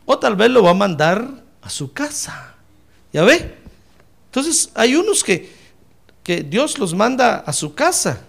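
High, fervent preaching man. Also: sing-song, slow, creaky, long pauses. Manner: fervent, calls listeners brother. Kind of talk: sermon.

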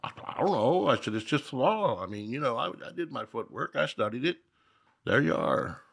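An older man from Minnesota, a guest telling a story in a casual, animated way, laughing as he goes. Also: mid-range voice, fairly quick, gravelly, breathy edge.

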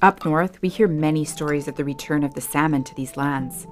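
A woman playing an earnest, measured traveler from the north in an audio drama. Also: low voice, faint music behind, close to an everyday voice.

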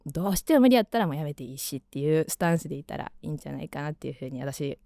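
A woman's voice: low-pitched, expressive, racing, creaky, mellow, no echo, clean studio sound. A young woman in her twenties with a Kansai accent, chatting casually as a radio host and rambling through lots of fillers.

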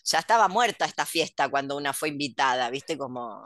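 A woman's voice: very deep voice, animated, a little fast, fairly bright tone. A middle-aged Argentine woman in casual chat, gossipy and ironic, often trailing off into asides. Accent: Argentine Rioplatense Spanish. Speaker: podcast co-host.

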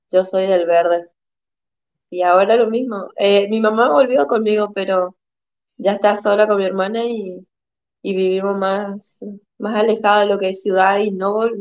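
A woman chatting on a podcast as a guest, speaking haltingly with many restarts. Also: mid-range voice, a little mellow, muffled recording. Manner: halting, restarts often, thoughtful. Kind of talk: casual chat.

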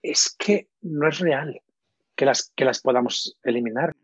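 Man, coach, husky, hesitant explainer, lo-fi dry sound. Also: medium pitch, measured pace, no room sound. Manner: thoughtful, with frequent hesitations. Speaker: coach and trainer. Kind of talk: explanatory interview talk. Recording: dull, lo-fi, dry.

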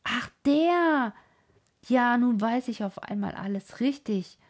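Eager storytelling uncle, read by a woman, husky and gravelly. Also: fairly high pitch, normal speed. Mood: reminiscing. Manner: excited, reminiscing.

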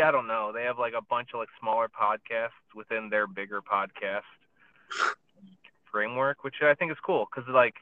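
A man's voice: mid-range voice, dry recording. Man rambling on a tinny phone line. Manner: rambling, many fillers and restarts. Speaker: podcast co-host. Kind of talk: casual chat. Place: parked car in a driveway. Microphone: phone over a podcast app.

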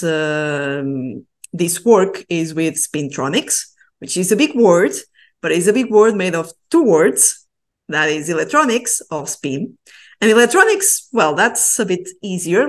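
A woman in her thirties from Portugal, a researcher patiently explaining her science in an interview, with small hesitations. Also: lowish voice. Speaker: postdoctoral researcher, guest.

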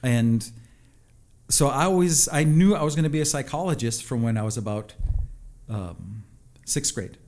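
A middle-aged man, telling personal stories casually in a reflective, halting way. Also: medium pitch, expressive, darkish tone. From a North American reservation. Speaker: interview guest, psychologist and musician.

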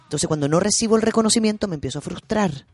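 A woman's voice: medium pitch, rapid-fire, darkish tone, breathy edge, dry recording. A woman with a Chilean accent telling a personal story in casual conversation, emotional and self-revealing, repeating words for emphasis. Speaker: podcast guest sharing a personal story.

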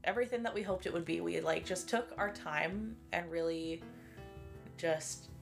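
A Canadian woman in her late twenties co-hosts a podcast, chatting and rambling casually and laughing often, her nose stuffy and sniffly. She speaks at normal speed in a lowish voice with vocal fry, faint music behind her.

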